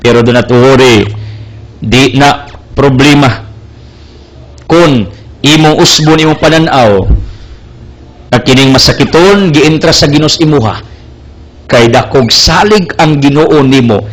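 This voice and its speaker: A man's voice: a little high, lively intonation, a little slow, long pauses. A young man preaching a sermon, earnest and emphatic, mixing English phrases into his message. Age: young adult.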